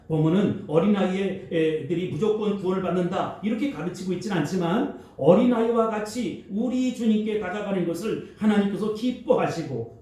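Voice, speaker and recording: A man's voice: sits high, mellow. A man preaching a Sunday sermon as pastor, earnestly acting out the people in his stories. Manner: earnest preaching, acts out quoted voices. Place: church sanctuary. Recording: echoey church sanctuary, mic at a distance.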